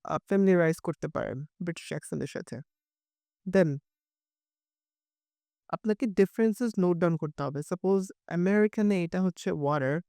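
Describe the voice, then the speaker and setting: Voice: medium pitch, gravelly, warm tone, clean tone, no echo, clean studio sound. An IELTS teacher with a Bengali accent gives a bilingual lesson, explaining carefully and repeating example words to demonstrate them.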